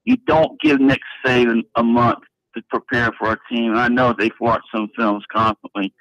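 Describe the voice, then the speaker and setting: A man's voice: medium pitch, fairly bright tone, no echo. Man caller, heard down a dull phone line, rambling casual sports take, dry sound. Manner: rambling, run-on predictions. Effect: heard over a phone line. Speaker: radio call-in caller. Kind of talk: casual call-in sports opinion.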